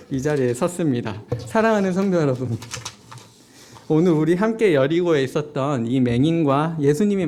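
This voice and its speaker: A man with a high voice delivers a sermon to his congregation at an evening church service. He preaches as a storyteller, speaking straight to the listeners and putting rhetorical questions to them. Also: a little mellow. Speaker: junior pastor.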